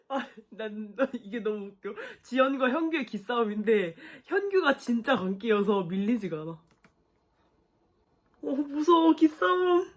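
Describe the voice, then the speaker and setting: A woman's voice: on the high side, slow, pauses often. A young woman reacting to a dating show episode, exclaiming and laughing as she talks to her viewers. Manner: animated, exclaiming and laughing at the screen. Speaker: reaction video host. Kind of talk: casual reaction commentary.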